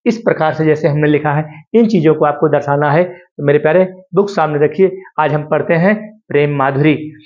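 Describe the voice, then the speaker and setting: A man with a high voice lectures on Hindi poetry, explaining it line by line. He keeps coming back to the same points and speaks to his students with fondness. The sound is dull and lo-fi, as from a cheap mic. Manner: addresses students fondly, repeats points, chants verses slowly. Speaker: Hindi literature teacher.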